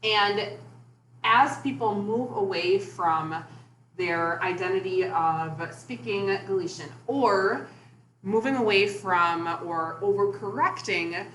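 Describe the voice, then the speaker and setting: A woman's voice: medium pitch, fairly bright tone. Young woman giving a class presentation. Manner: measured, explanatory, with occasional fillers. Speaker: student presenter. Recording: echoey room with faint noise.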